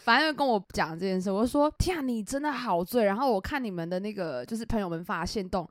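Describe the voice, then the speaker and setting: A young woman co-hosting a casual chat podcast, an animated storyteller who laughs often. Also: mid-range voice, fast, dry recording, clean studio sound. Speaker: podcast co-host.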